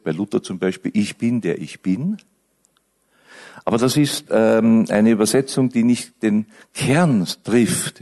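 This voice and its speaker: A man preaching a sermon, speaking to his listeners directly and building to emphatic peaks. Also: on the low side. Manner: slow, animated preaching with rising emphatic peaks.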